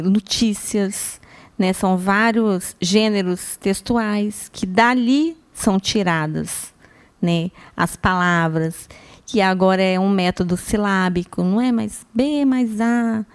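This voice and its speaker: Woman educator, mid-pitched, teacherly, calm. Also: smooth. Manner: explanatory, measured, teacherly. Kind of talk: casual chat.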